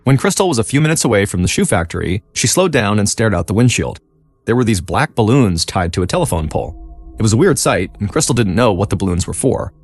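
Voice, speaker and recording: A man's voice: lowish voice, quick pace, slightly rough. A man narrating a true-crime story as a podcast host, in a dramatic storytelling manner. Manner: dramatic storytelling, lively intonation. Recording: faint music behind.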